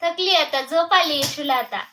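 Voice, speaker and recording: Mom on a home live stream, high voice, sing-songy baby talk to her little one. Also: moderate pace, bright, forceful tone. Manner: coaxing sing-song baby talk to a toddler. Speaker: mother hosting a family live stream. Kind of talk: casual live-stream chat with viewers and child.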